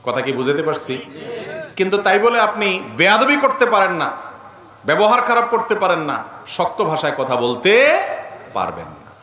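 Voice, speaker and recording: Male preacher, bright and lively, in an echoey room. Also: high-pitched, moderate pace, long pauses. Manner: earnest, rhetorical questions to listeners. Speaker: Islamic preacher. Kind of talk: sermon.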